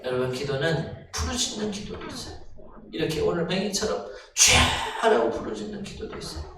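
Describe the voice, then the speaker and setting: A male pastor preaching a sermon, asking the congregation questions and rising to near-shouts. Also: sits high, big pitch swings, fast talker, gravelly. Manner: talks straight to the congregation with questions. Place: church sanctuary. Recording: echoey church hall, distant mic, noisy.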